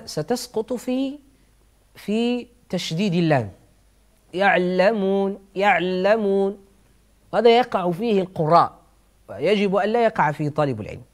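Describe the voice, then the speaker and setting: A male Quran recitation teacher giving an explanatory lesson, slowly repeating words aloud to demonstrate how each sound is made. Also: high voice.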